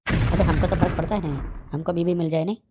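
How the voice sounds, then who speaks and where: A woman's voice: fairly low pitch, fairly even intonation, fast talker, very noisy, lightly acted. A woman voicing an aging unmarried man in a comedy cartoon who keeps pestering and defending himself about marriage. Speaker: cartoon character.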